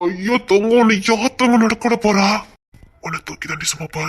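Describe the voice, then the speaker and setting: A woman voicing a tender, protective young husband, speaking softly and affectionately in an audio story. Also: mid-range voice, moderate pace, natural voice. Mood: doting. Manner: soft, affectionate, murmuring. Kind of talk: audio story role-play.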